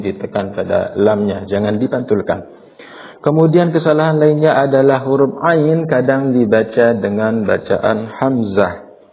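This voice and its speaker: A man teaching Quran recitation, patiently explaining mistakes and chanting verses slowly as examples. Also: on the low side, long reverb tail. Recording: tinny phone-like audio.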